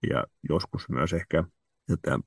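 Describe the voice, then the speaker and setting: A man's voice: extremely low pitch, breathy edge, no echo, clean studio sound. A man hosting a podcast discussion, thinking aloud and often repeating words as he works through a question.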